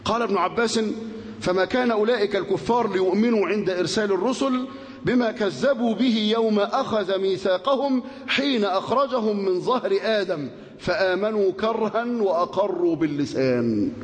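A man with an Egyptian Arabic accent teaching a colloquial religious lesson, animated, reciting scripture and putting rhetorical questions to his listeners. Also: high voice, a little fast. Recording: long hall reverb.

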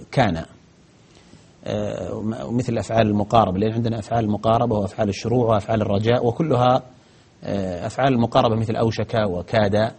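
Husky, a little mellow and fairly low, this man's voice carries a grammar lesson on broadcast. He works through viewers' questions one step at a time, with frequent hesitations.

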